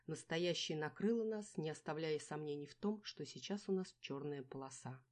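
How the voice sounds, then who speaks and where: Mellow, low-voiced woman narrating. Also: moderate pace. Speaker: audiobook narrator. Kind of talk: scripted first-person narration.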